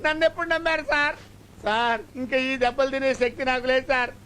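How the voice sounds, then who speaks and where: A man's voice: very high voice, fast, background noise. A man playing a bumbling comic character who pleads, whines and cracks jokes, over film music. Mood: whining. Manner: whiny, pleading and wisecracking. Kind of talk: Telugu film comedy acting. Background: film score music.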